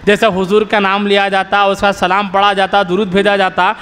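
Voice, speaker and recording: A man's voice: high-pitched, monotone, moderate pace, fairly bright tone, long reverb tail. A middle-aged man, a maulana, giving a religious workshop lecture to a live audience, telling everyday stories and often putting questions back to his listeners. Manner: quizzes the audience with repeated questions; storytelling with everyday examples. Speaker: Islamic scholar, maulana.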